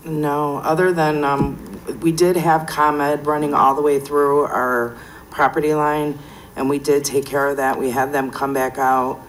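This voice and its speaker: A woman's voice: low-pitched, flat delivery, a little slow, slight background noise, poor audio. A woman giving a plain, informal statement as a petitioner at a public meeting.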